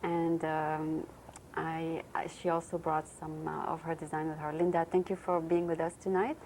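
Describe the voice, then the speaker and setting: A woman's voice: sits low, little pitch movement, normal speed, darkish tone. A woman host from Tunisia interviewing a guest on a local TV show, speaking hesitantly and searching for her words. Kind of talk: studio interview. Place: TV studio. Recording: noisy early-1990s TV audio.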